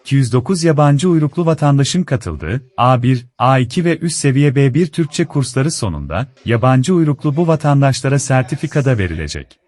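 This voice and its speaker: A man's voice: medium pitch, big pitch swings, a little fast, a little mellow, dry recording. A man reading a scripted news report as its narrator.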